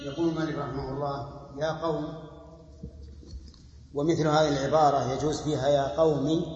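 A man's voice: fairly high pitch, a little mellow, muffled recording. Man lecturing on verse in an echoey hall. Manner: explanatory, quotes verses and sources, clears throat. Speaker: teacher explaining poetry. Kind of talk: lesson commentary on classical verse.

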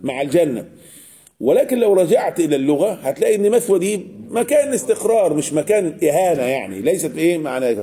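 A man's voice: fairly high pitch, animated, quick pace, mellow. A man with an Egyptian Arabic accent teaching a lesson on Quranic verses, often asking the class a question and answering it himself. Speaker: religious teacher.

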